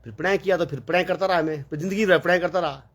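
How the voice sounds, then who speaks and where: A man's voice: high voice, very fast. A man telling a long, rambling story in a casual, chatty way, full of fillers and quoted dialogue.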